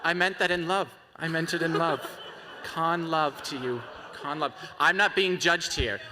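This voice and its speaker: A man's voice: a little high, steady tone, unhurried, background noise. A man hosting a convention masquerade on stage, reading bios playfully, laughing and stumbling over names. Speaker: masquerade emcee. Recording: echoey convention hall.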